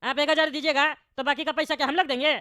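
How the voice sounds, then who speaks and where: A woman's voice: high voice, steady tone, quick pace, pushed and bright, no room sound, clean studio sound. A woman voicing a bald, short-tempered male politician in a cartoon, always scolding. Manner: scolding, indignant. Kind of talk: cartoon voice acting.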